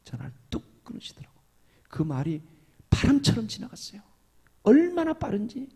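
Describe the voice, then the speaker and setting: A man's voice: medium pitch, vocal fry, dark tone, husky. A middle-aged male pastor with a Gyeongsang dialect, telling a heartfelt story in a sermon and often dropping to a whisper.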